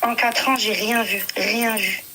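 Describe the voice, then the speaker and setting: A young woman calling a radio show, shaken and hesitant, halting with many fillers. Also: mid-range voice, steady tone, noisy background. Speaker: caller. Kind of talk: phone-in confession.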